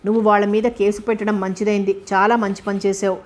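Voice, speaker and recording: A female narrator voices an earnest young man in a storybook, soothing and a little hesitant. His words come at a middling pitch. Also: level tone, fast talker, lightly acted. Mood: concerned.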